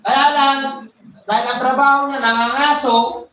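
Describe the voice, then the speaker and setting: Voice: high-pitched, steady tone, normal speed, pushed and bright. Preacher retelling a Bible story in an echoing hall. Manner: storytelling, repeats words while searching for names, asks "di ba?" often. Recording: echoey room from far off, faint noise.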